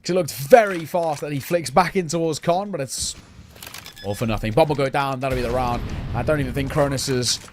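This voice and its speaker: A man's voice: medium pitch, a little fast, darkish tone. A man commentating live on an esports match as a play-by-play caster. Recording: noisy, game gunfire and clicks behind.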